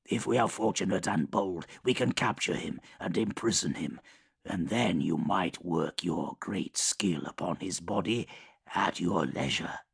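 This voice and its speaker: A man voicing an ancient, menacing male demon lord who speaks in slow, low, measured threats. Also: vocal fry, slightly rough, no room sound, studio quality, full character voice. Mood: cold, menacing.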